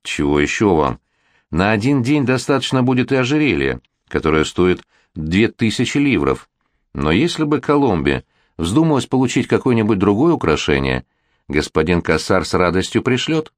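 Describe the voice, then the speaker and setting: A man's voice: on the low side, very animated, moderate pace, no room sound, clean studio sound. A man voicing a firm, worldly middle-aged father who lectures his daughter, in a read-aloud storybook. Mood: stern.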